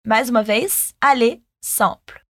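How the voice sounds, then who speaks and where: A woman's voice: fairly high pitch, slow pace, no echo, studio quality. A woman teaching French, patiently modeling phrases for listeners to repeat. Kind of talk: language lesson with repeat-after-me drills.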